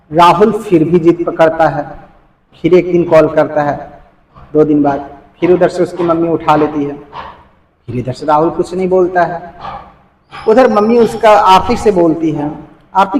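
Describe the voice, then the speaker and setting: A man's voice: fairly high pitch, measured pace, long pauses, a little mellow, echoey room, poor audio. A man with a Bhojpuri-region Hindi accent telling a story in a plain, chatty way. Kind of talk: casual spoken storytelling.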